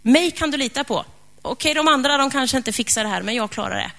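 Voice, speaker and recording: A woman's voice: high voice, animated, gravelly, sharp tone, pitched above the performer's own voice, exaggerated voice. A woman voicing an impulsive adult male disciple who is loyal but scared, talking earnestly. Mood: earnest vow. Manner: earnest, then flustered denial.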